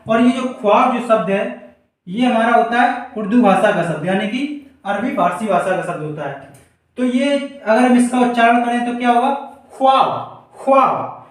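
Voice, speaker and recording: A male Hindi teacher giving a board lesson for exam students, asking rhetorical questions and repeating example words slowly. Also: very high voice. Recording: very echoey room, mic far off.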